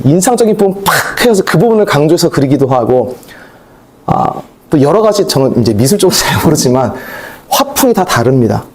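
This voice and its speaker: A male pastor preaching a sermon in a conversational, animated way, with asides and acted-out quotes. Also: high-pitched.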